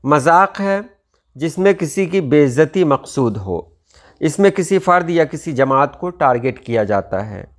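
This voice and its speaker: A man with an Indian Urdu accent teaching a video language lesson, explaining in a measured way with frequent pauses to think. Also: fairly high pitch, sing-song.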